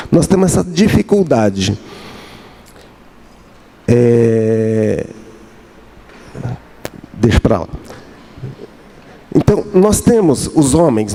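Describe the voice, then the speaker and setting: Preaching as pastor, a middle-aged man speaks slowly in a dark, medium-pitched voice. He leans on repeated key phrases and stages small conversations with his wife.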